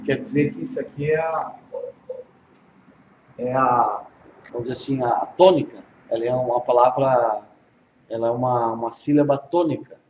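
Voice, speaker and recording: A Brazilian pastor with a Brazilian Portuguese accent gives an informal one-on-one Hebrew lesson, patiently repeating pronunciations and checking understanding. His mid-range, slightly mellow voice moves at a moderate pace with frequent pauses. The recording is echoey, dull and lo-fi, with faint noise.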